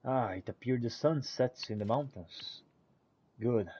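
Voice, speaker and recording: Speaking a little slowly at medium pitch, with a dark tone and a breathy edge, this man comments on his video-game journey in character. He plays a thoughtful, friendly fantasy adventurer and talks in theatrical, old-fashioned phrasing.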